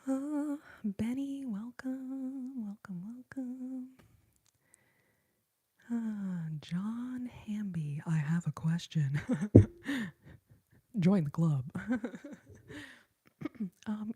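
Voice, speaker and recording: A young woman whispers close to her phone mic during an ASMR livestream, greeting viewers with pet names. Her voice is lowish and dark in tone, with a slightly rough texture.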